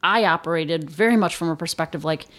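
A woman's voice: sits low, quick pace, a bit bright. Candid businesswoman with a Chicago accent. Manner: emphatic, candid, joking. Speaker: agency chief executive, guest. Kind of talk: conversational interview.

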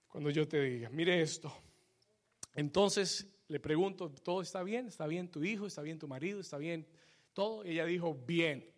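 Fervent high-voiced male preacher. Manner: fervent preaching that swells to shouts, calling for amens. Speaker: pastor. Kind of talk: sermon.

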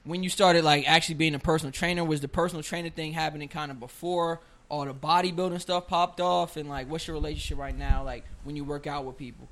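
Higher-voiced casual male interviewer. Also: fairly even intonation, quick pace, few pauses, a bit bright. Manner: casual, heavy use of filler "like".

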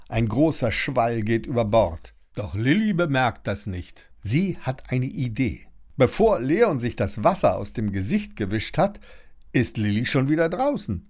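Animated man reading a children's story. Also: mid-range voice, a little slow. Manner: animated, expressive. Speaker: narrator.

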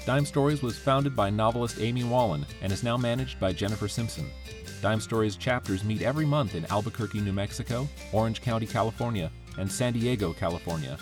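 Guy hosting, lowish voice, reads scripted intros, music under. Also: fairly quick. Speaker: podcast host.

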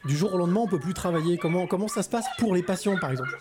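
A man interviewing a guest in a casual, friendly way, quick and joking, often stumbling and restarting his questions. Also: high voice, background noise.

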